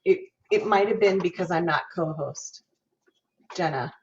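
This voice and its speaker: Teaching a diction class remotely, a female music professor from Minnesota talks through vowel sounds and sings them out, appearing as a guest lecturer on a video call. She has a fairly low, darkish voice and an unhurried delivery. Slight background noise sits under the dull, lo-fi call audio.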